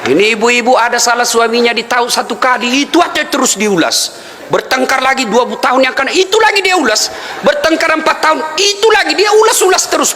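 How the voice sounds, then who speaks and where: A male preacher gives a humorous sermon in a high, bright voice, joking and telling stories with frequent laughter. The sermon is delivered to a live audience, likely in a hall or mosque. His voice carries a long reverb over a faint ambient hum. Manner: jokey, often laughing, storytelling. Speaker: Islamic preacher.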